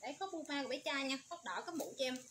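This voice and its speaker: Woman, livestream seller, high bright voice, quick repetitive patter, loud background noise. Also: animated. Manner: rapid, repetitive sales patter calling out codes and prices. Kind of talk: livestream sales pitch.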